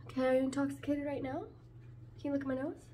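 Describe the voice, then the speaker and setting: A woman in a soft ASMR ASMR role-play, playing a suspicious airport security officer who gives procedural, repeated instructions. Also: high voice, little pitch movement, fast, close to an everyday voice. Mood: suspicious, firm. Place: small room at home, indoors. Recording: distant mic, clear background noise, clicks.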